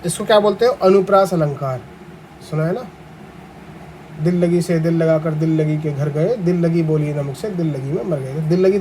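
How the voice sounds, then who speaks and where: A young male teacher with a high, mellow voice, reading each definition slowly and then explaining it casually. He spells the tricky words letter by letter and asks the class questions. Faint noise sits under the recording. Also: poor audio. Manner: reads English definitions slowly, then explains them conversationally. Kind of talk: vocabulary lesson for exam aspirants.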